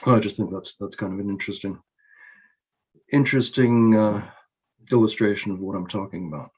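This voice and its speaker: Lo-fi, lowish man giving an academic talk. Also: a little mellow, husky. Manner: measured, explanatory, with frequent ums and self-corrections. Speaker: conference presenter. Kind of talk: recorded academic conference talk.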